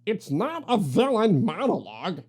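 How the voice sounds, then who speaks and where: A woman's voice: mid-range voice, big pitch swings, normal speed, darkish tone, husky. A woman voicing a grandiose, scheming male bee king with a pompous, theatrical delivery in a comic storybook read-aloud. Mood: grand, self-justifying.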